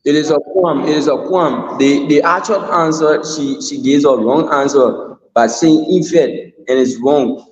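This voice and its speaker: A man's voice: fairly high pitch, a little slow, few pauses. A man from Liberia disputing quiz rulings in a pleading, argumentative way. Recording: echoey hall, muffled.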